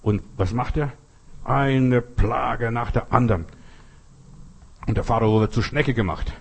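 A man preaching a sermon, retelling Bible stories in a lively way and talking straight to the listener. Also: medium pitch, unhurried, gravelly, slightly rough. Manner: lively storytelling, acting out biblical scenes, addressing listener as du.

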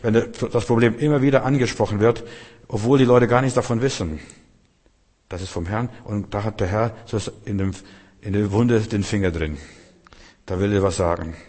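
A man delivers a rambling sermon, stumbling over and repeating words as he tells his story. His voice is low and husky. A long hall reverb trails behind every phrase. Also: normal speed, darkish tone. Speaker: preacher.

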